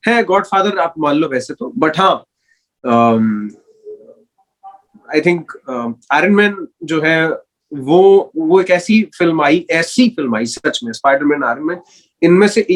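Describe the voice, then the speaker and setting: A young man, a radio jockey, answering rapid-fire interview questions in a rambling, casual way, dropping in English words. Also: on the high side, rough recording. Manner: rambling, self-correcting, mixes in English words.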